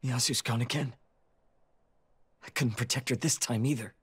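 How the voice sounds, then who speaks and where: Serious young student, very husky voice. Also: male voice, mid-range voice, steady tone, moderate pace, fairly bright tone. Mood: dejected. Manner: subdued, formal, serious. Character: serious, troubled, self-blaming young male honor student. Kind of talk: scripted video game acting.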